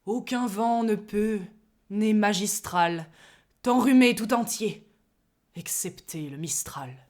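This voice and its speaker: A woman's voice: medium pitch, measured pace, lightly acted. A woman playing a proud, witty, mocking swordsman, reciting theatrical verse in a hammy, declamatory stage manner with shifting tones. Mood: bombastic.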